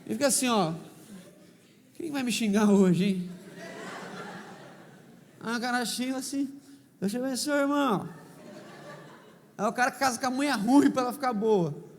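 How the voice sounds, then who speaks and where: A man preaching as pastor, humorous and animated, telling stories and questioning the congregation, with a São Paulo accent. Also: extremely high pitch, a little fast, long pauses, big-room sound, slight background noise. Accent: São Paulo Brazilian Portuguese. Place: church hall.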